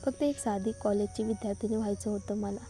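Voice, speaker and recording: Woman reader doing a hurt, pleading young student; dark, mellow tone. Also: mid-range voice, fairly even intonation, quick pace, close to an everyday voice. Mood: sorrowful. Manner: pleading, sorrowful.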